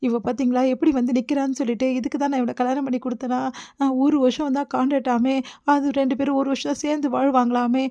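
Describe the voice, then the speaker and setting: Grieving, reproachful mother, done by a woman narrator; soft, mellow tone. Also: high-pitched, little pitch movement, quick pace, no echo, muffled recording. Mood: lamenting. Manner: scolding and lamenting. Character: grieving middle-aged mother, wailing, reproachful.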